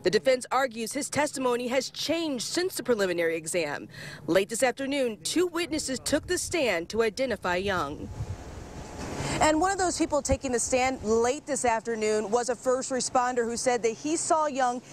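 A woman's voice: a little high, expressive, normal speed, slight background noise. An American woman, a television reporter, delivering a scripted live news report. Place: outdoors on courthouse lawn. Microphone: lapel.

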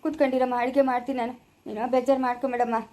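A woman with a Chikkaballapura Kannada accent playing a poor, gentle village father, soothing and resigned, in a family drama. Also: high voice, flat delivery, very fast, close to an everyday voice. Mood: consoling. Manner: soothing, pleading, fatalistic.

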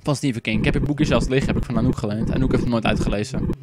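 Rambling, tipsy young man with noisy background. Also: rapid-fire. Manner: rambling, goofy, swears a lot, sudden high-pitched outbursts. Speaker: gaming YouTuber. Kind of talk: tipsy gameplay commentary. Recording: loud background noise.

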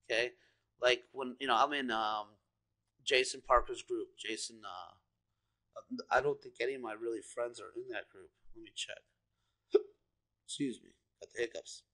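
A man's voice: medium pitch, fairly even intonation, moderate pace, bright, forceful tone. Rambling man in a casual screen-share demo. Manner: rambling, filler-heavy, keeps saying "you know" and "guys"; enthusiastic, salesy. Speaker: online marketer walking through a screen demo.

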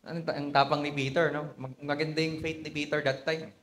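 A man with a Filipino accent delivers a conversational sermon. He tells it like an animated story and adds laughing asides. His speaking voice sits fairly high for a man. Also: fairly quick. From Philippines. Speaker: bishop preaching.

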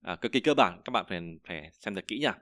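A Vietnamese man teaching an online Chinese pronunciation lesson, repeating drill syllables loudly between casual, filler-heavy explanations. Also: lowish voice, expressive, fast, dry recording, clean studio sound. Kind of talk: online lesson with screen walkthrough.

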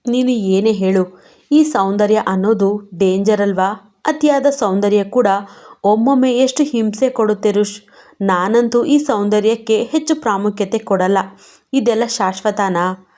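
A woman's voice: mid-range voice, a little slow, close to an everyday voice. Sensitive young wife, read by a woman. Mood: reflective. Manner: soft, reflective, questioning. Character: sensitive young wife, guilt-ridden and thoughtful.

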